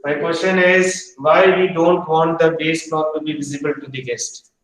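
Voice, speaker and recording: A man's voice: fairly high pitch, fairly even intonation, moderate pace, fairly bright tone. A man teaching a hotel management practical class, stern and repetitive, pressing students for answers. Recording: echoey room from far off.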